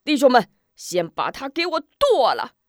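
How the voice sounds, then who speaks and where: A woman's voice: high-pitched, huge pitch swings, normal speed, no echo, studio quality, pitched above the performer's own voice. A woman voicing an arrogant, brutal male bandit chief who bellows orders with contempt. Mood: furious, bellowing.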